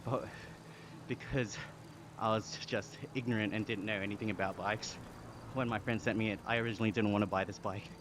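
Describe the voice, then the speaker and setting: A young Australian man from Sydney chatting casually on a live stream, relaxed and talkative as he reads and answers chat. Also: fairly low pitch, a little fast. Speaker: livestreamer. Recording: clear background noise with insects.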